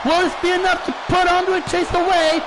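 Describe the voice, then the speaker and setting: A man doing excited, dramatic wrestling play-by-play commentary in a shouted delivery. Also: very high-pitched, moderate pace. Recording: noisy recording with loud crowd.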